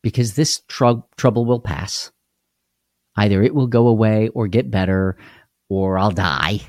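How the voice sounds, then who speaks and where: A man's voice: fairly low pitch, normal speed, warm tone, no echo, clean studio sound. A man hosting a live devotional talk, speaking earnestly and candidly, often repeating key phrases for emphasis. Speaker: host of a live devotional show.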